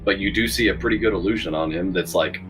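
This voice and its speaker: A man narrating as game master of a tabletop game, in a relaxed, laid-back way. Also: deep voice, quick pace, faint music behind, rough recording.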